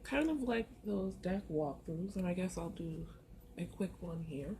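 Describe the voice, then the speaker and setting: Speaking in a fairly low voice with lively intonation, a woman who makes tarot and oracle card content walks viewers through her apartment despite a sore throat. Her pace is slow and halting, full of soft filler pauses, and the camera mic picks up faint noise from the busy street outside her first-floor home.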